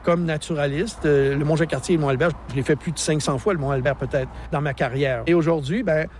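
A man's voice: a little high, fairly even intonation, quick pace, darkish tone, slight background noise. Québécois naturalist in his sixties. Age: 60s. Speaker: park naturalist and educator. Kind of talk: outdoor interview. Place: outdoors in a national park.

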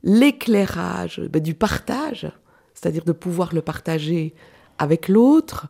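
Middle-aged woman from switzerland, lots of euh, hunting for words, soft dark tone. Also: lowish voice, expressive, slow, vocal fry, breathy edge. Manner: hesitant, searching for words with many fillers. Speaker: guest, clown and actress. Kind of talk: radio interview.

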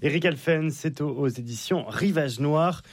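A man's voice: fairly high pitch, measured pace, no echo. A man hosting a morning radio show, presenting live with informal, teasing banter. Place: radio studio.

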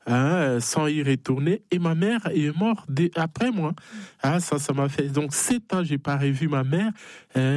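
Recorded at studio quality with no echo, a man from the DRC with a Congolese French accent talks as a missionary priest in a conversational interview, giving personal testimony. His mid-range voice has a darkish tone, and he speaks hesitantly, often tacking on small affirming tags.

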